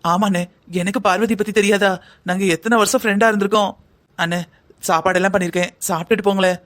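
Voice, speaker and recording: A man's voice: high voice, fairly even intonation, quick pace, fairly bright tone. A man voicing a humble, anxious middle-aged father of the bride in a cartoon family drama, talking earnestly and gratefully.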